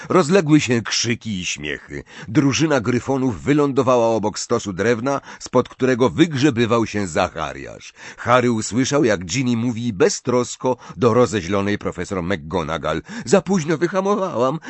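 A man narrating an audiobook in an expressive, lively reading. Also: mid-range voice, no room sound. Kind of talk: scripted narration.

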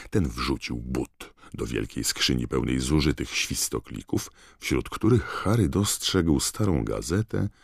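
A man narrating an audiobook with a measured, gravelly storytelling voice. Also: a bass voice, no echo, clean studio sound.

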